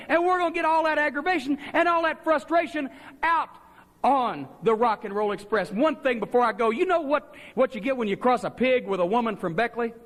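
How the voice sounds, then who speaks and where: Sneering high-voiced wrestling manager. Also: male voice, a bit bright, in a large hall. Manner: sneering, mocking. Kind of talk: wrestling promo.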